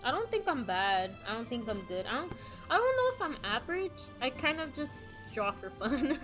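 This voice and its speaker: Her high voice has a sing-song lilt at normal speed as this young adult woman chats casually on her livestream. Indoors alone at her computer on a voice call setup, with music in the background, she rambles in a slangy, self-deprecating manner.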